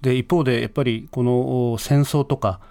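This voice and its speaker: A man's voice: mid-range voice, fairly even intonation, moderate pace, creaky, mellow. A man speaking as a guest in a radio interview, thoughtful and hesitant, with many fillers and restarts. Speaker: guest, news department head.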